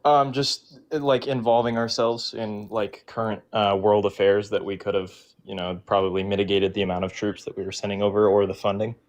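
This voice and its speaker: A man's voice: on the low side, level tone, fairly quick, few pauses. A young man calling into a livestream debate, talking hesitantly with many ums. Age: young adult. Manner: hesitant, full of ums and hedging. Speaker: caller. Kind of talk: casual debate talk.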